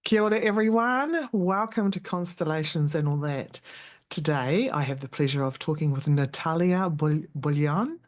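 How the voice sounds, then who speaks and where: A woman's voice: deep voice, moderate pace. A woman hosting a podcast interview, friendly and chatty, laughing easily. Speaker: podcast host.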